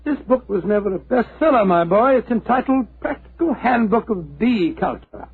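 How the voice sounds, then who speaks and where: An actor playing a genial older British doctor, a chatty, courteous, slightly fussy storyteller in a 1940s radio drama. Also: male voice, sits high, animated, normal speed, breathy edge, exaggerated voice. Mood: genial, reminiscing. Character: genial older doctor, detective's loyal old friend. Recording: tinny, lo-fi 1940s radio recording.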